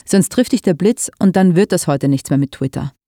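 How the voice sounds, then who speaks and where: A narrator voicing an exasperated young woman who shouts over a storm, in an audiobook reading. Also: mid-range voice, expressive, moderate pace, no room sound, studio quality. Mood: urgent.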